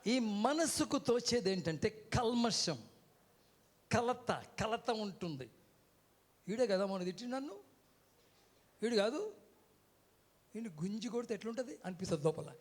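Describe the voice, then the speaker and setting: A man's voice: high voice, lively intonation, unhurried, long pauses. A man preaching a sermon from a church stage, calling out to the congregation and having them repeat words back. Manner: keeps calling out "hello" to the crowd. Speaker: guest preacher. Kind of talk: sermon with call-and-response.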